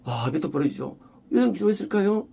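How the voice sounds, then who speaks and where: Gravelly, emphatic Korean pastor preaching. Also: male voice, high voice, big pitch swings, fairly quick. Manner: emphatic, repetitive, rising to near-shouts. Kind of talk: expository sermon.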